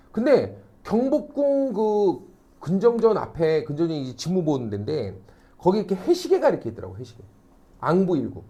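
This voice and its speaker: Teaching an academy class, a middle-aged man mixes stories with teasing, mocking asides while repeatedly making sure his students keep up. His voice sits in the mid range and has a darkish tone.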